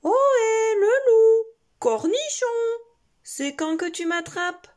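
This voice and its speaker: Lady doing a bold little bunny, teasing and calling out high, kids storybook for a toddler. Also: animated, measured pace. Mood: cheeky, taunting. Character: cheeky, bold rabbit family taunting a wolf.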